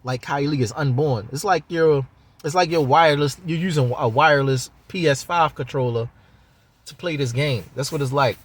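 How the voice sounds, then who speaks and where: A man's voice: a little high, normal speed. A man talking in a loose, rambling monologue about spiritual ideas, casual and profane, with lots of fillers.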